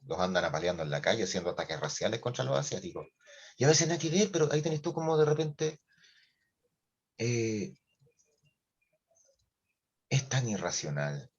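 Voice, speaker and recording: A man with a Chilean accent teaching an online class, talking in an animated, joking, colloquial way over a video call. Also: fairly low pitch, moderate pace, pauses often, slightly rough, muffled recording.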